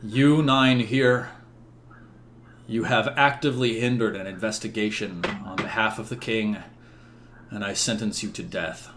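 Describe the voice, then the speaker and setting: A man voicing a stern medieval king who makes formal, measured pronouncements from his throne in a tabletop game. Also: fairly low pitch, fairly even intonation, a bit bright, slight background noise.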